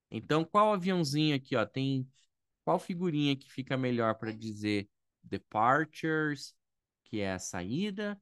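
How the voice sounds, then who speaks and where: A man's voice: medium pitch, fairly bright tone, no echo, studio quality. A man from Brazil teaching airport vocabulary in a casual online lesson, explaining patiently, checking in with his students often and thinking aloud. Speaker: English teacher.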